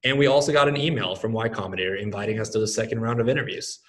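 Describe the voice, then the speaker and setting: A man's voice: lowish voice, rapid-fire, a bit bright. A man from Norway, a startup founder, talking earnestly and enthusiastically in a podcast interview.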